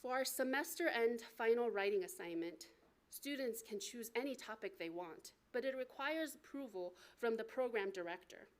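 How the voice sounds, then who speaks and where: At a live book event, an American woman with a fairly high voice reads from her own memoir. She delivers it expressively and deliberately, like an author sharing a personal story with listeners.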